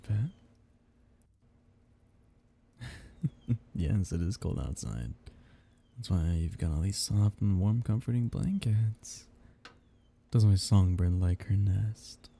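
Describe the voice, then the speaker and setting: In an intimate ASMR roleplay, a man plays a tender yet possessive vampire count. He teases in soft murmurs with a husky, gravelly voice that is on the low side and exaggerated.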